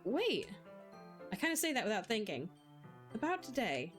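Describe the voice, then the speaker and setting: A woman voicing a shy, soft-spoken teenage girl who talks hesitantly and bashfully while reading a visual novel aloud. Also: fairly high pitch, huge pitch swings, normal speed, soft background music.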